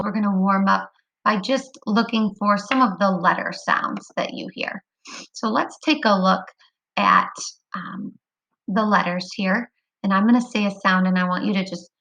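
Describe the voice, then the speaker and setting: A woman teaching a kindergarten phonics lesson online, speaking clearly and encouragingly to young children. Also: medium pitch, fairly bright tone, lo-fi sound.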